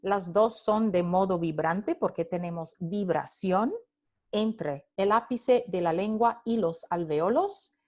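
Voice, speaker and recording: A woman's voice: mid-range voice, slow pace, darkish tone. A woman lecturing on phonetics over slides, explaining patiently, repeating example words to demonstrate sounds and adding short English asides for her students. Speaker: Spanish phonetics instructor.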